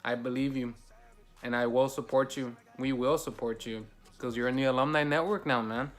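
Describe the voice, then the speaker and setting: A man's voice: medium pitch, steady tone, moderate pace, faint music behind. A young man, a school alumnus, giving a casual and encouraging recorded graduation message with plenty of slang fillers.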